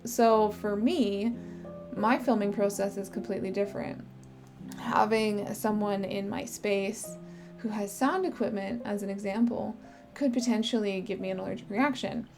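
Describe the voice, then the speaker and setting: A woman filmmaker talking in a casual podcast monologue. Her voice is strained and she sucks a cough candy as she talks, chatty, with fillers and pauses. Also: mid-range voice, fairly even intonation, over music. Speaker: filmmaker sharing her experience.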